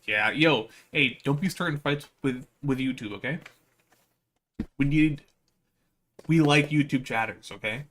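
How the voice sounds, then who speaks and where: A man with a medium-pitched, bright, forceful voice is livestreaming. He chats casually with his viewers in a slangy, playful, rambling way while reading a visual novel aloud.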